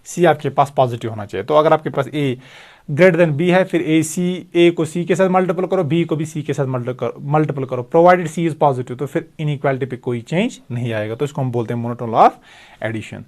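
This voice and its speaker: Math lecturer, higher voice. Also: male voice, moderate pace, darkish tone. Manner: explains step by step, repeats key terms. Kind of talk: recorded video lecture.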